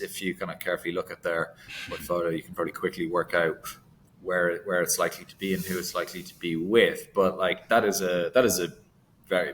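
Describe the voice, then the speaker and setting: A man's voice: deep voice, bright, forceful tone, slight background noise. A man co-hosting a casual industry podcast, talking in a hesitant way with lots of restarts. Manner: hesitant, many fillers and restarts. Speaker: podcast co-host, analyst.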